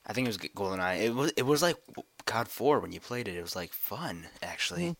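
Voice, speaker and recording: A man's voice: lowish voice, sing-song, a little fast, fairly bright tone. A young man co-hosting a casual gaming podcast, joking around and laughing often. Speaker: podcast co-host.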